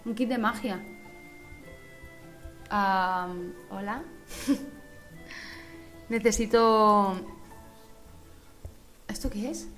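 A woman with an accent from Spain, commenting on a life-sim game, excitable and sweary, often breaking into silly singing. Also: mid-range voice, drawn-out words, pauses often. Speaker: gaming host. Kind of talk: let's play commentary. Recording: game music playing behind the voice. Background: game music.

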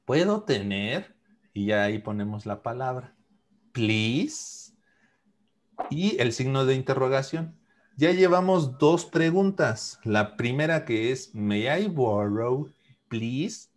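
A man teaching English to children in an online class over a video call, speaking slowly and patiently, repeating and spelling out phrases. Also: medium pitch, animated.

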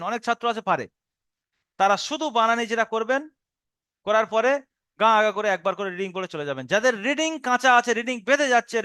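High-voiced man teaching step by step. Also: bright, forceful tone, clean tone, no room sound, clean studio sound. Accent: Bengali. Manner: patient step-by-step explanation, spelling out syllables slowly. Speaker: Quran reading teacher. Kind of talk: recorded online lesson.

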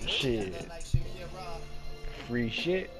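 A man in a game party chatting casually, throwing in quick mocking remarks. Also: medium pitch, sing-song, a bit bright, faint music behind. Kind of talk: casual gaming chat.

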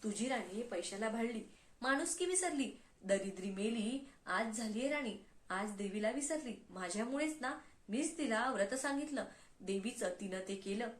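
A woman voicing an angry old beggar woman, a goddess in disguise, scolding slowly and bitterly in a storybook tale. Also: fairly high pitch, expressive, reverberant, close to an everyday voice. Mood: indignant.

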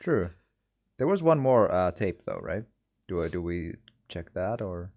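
A man giving casual play-through commentary in a small home room, halting as he thinks aloud. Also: low-pitched, very animated, a little mellow, dull audio. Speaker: video game streamer.

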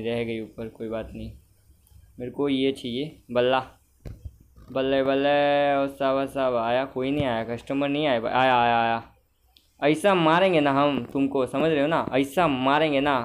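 A man's voice: medium pitch, fairly even intonation, moderate pace, smooth. Chatty young man narrating his gameplay. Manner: chatty, talks to himself, keeps saying brother; gets loud and scolding with game characters. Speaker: gamer. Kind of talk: casual gameplay commentary.

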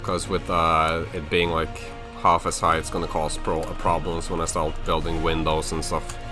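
A man's voice: very deep voice, level tone, moderate pace, over music. A young man from Norway chatting casually on a live stream while building in a game, thinking aloud with lots of fillers and restarts.

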